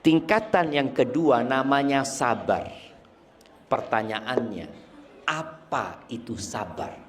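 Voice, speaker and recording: A man's voice: medium pitch, slow, a little hiss or hum. Brief: male preacher, sermon with questions to the congregation, echoey hall. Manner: engaging, quizzes the congregation.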